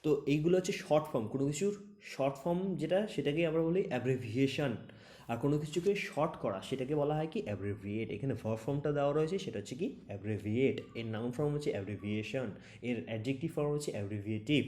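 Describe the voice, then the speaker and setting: A man's voice: mid-range voice, animated, racing, dark tone. A man teaching exam-prep vocabulary, explaining with many examples and often asking if students have understood. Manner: asks "understood?" after each point.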